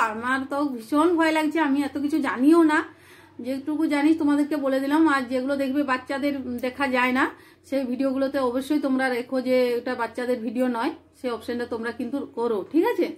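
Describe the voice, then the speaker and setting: Woman, high voice, rapid chatty talk, has a cold, home vlog. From West Bengal, India. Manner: chatty, earnest, talks fast. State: has a cold, sore throat. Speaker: vlogger. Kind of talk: casual chat to camera. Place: room at home, indoors.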